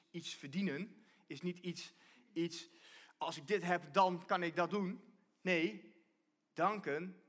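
A man preaches from a church stage in a loose, conversational way, circling back and repeating phrases as he works through his point. His voice sits high and sounds bright and forward. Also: slightly rough. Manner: conversational, repeats and restarts while explaining. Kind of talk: sermon.

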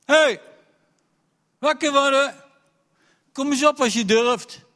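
A man voicing a huge, boastful giant warrior who hurls loud taunts. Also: very high voice, slow pace, pitched above the performer's own voice, exaggerated voice. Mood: jeering. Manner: bellowing taunts. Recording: echoey hall.

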